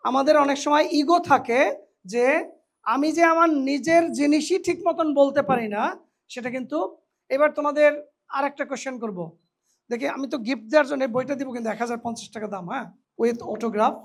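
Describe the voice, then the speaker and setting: A man teaching English pronunciation to new college students in a hall, lively and teasing, slipping English phrases into his talk. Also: extremely high pitch. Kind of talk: lively classroom lecture with a live audience.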